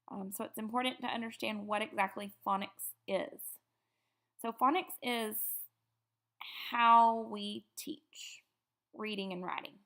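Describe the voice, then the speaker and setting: Woman, slow delivery, gravelly voice, upbeat lecture over slides. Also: mid-range voice, a bit bright. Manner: upbeat, lots of fillers. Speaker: teacher educator.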